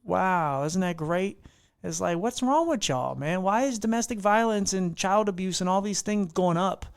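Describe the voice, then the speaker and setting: Gravelly, high-voiced man ranting on a podcast. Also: moderate pace, no room sound, studio quality. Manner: animated ranting, rambling with restarts. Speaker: podcast host. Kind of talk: casual podcast chat.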